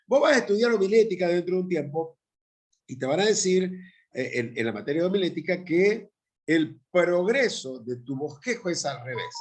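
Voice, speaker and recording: A man's voice: high-pitched, very animated, normal speed. A middle-aged man with an Argentine accent, a pastor teaching a Bible class in an emphatic way, often checking in with his listeners through tag questions. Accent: Argentine Spanish. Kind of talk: Bible institute lecture.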